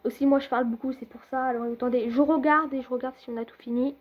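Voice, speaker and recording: A gaming video creator speaks fast in a high voice with fairly even intonation, rambling casually to her viewers with frequent fillers and hesitations. Her audio comes through narrow and tinny.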